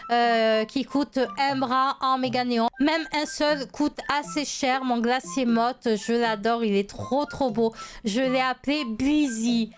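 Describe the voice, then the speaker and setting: A woman giving a casual tour of her game inventory as a YouTuber, gushing with enthusiasm over each item. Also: high voice. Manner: gushing, enthusiastic, repeats "trop, trop cute". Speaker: gaming YouTuber.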